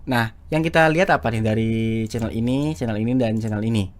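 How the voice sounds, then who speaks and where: A man's voice: medium pitch, quick pace. A man giving a casual lesson on speaking for short videos, chatty and full of fillers and restarts. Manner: chatty, repeats himself, many fillers and restarts. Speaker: YouTube teacher of public speaking. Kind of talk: casual screen-share lesson.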